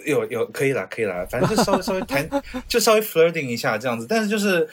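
A man's voice: on the high side, quick pace, crowd noise. A man from China, co-hosting a casual podcast chat, telling stories with lots of energy and acting out the other people in them. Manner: lively storyteller, mimics voices in his stories. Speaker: podcast co-host. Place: lives in Japan.

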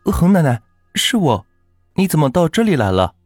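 Guy doing a high eager village kid voice, calling out loud, story reading, bouncy pitch. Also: very animated, normal speed, no room sound, clean studio sound, faint music behind. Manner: high, bright calls. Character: eager young village boy calling his dog.

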